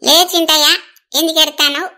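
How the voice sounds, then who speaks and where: A woman's voice: high-pitched, level tone, fast talker, bright, forceful tone. A woman playing a teasing village grandmother with a Telangana Telugu accent. She coaxes and teases her grandson. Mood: coaxing. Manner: teasing, coaxing.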